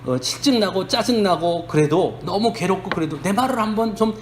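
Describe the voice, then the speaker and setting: A man's voice: high voice, lively intonation, brisk, reverberant, slight background noise. A man playing a blunt ancient male friend who lectures and reproaches a suffering man, in a preachy, scolding manner.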